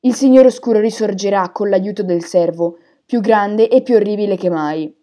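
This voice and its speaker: A woman voicing an eccentric female divination teacher who talks sweet and hushed, and turns harsh and loud in a trance. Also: medium pitch, moderate pace, natural voice.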